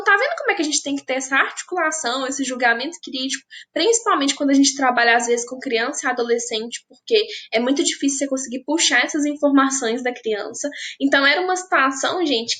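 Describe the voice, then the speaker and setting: A woman teaches a nursing class in a relaxed, talkative way. Her voice sits high, and she talks straight to her students, mixing anecdotes into the lesson. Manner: chatty, addresses students as gente, tells anecdotes. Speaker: nursing lecturer. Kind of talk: online lecture.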